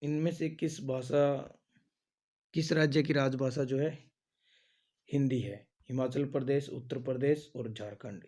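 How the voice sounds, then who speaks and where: A man runs an exam-prep lesson, posing each question and then repeating the answer to drill it in. His voice is very dark and mellow, at an ordinary male pitch. He leans on the same filler phrases again and again. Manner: says "आपका" and "जो है" a lot. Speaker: teacher.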